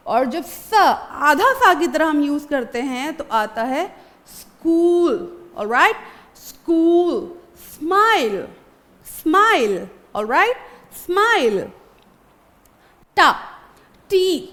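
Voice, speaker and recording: A woman's voice: high-pitched, fairly bright tone, big-room sound. A woman teaching a spoken English lesson, repeating each word and checking in with the class. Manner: slow, repeats words, checks in with "alright?".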